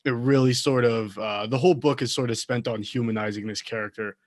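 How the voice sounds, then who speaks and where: A man talks through his thoughts in a relaxed podcast chat. His pitch sits in the middle and he pads his sentences with ums and likes as he works toward a point. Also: a little fast. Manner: rambling, filler-heavy, thinks aloud. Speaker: podcast co-host. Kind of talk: casual chat.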